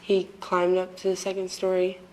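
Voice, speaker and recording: A woman testifying as a witness in a courtroom, hesitant and apologetic, speaking haltingly with many pauses and a voice she says is fading. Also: on the low side, monotone, dark tone, rough recording. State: losing her voice.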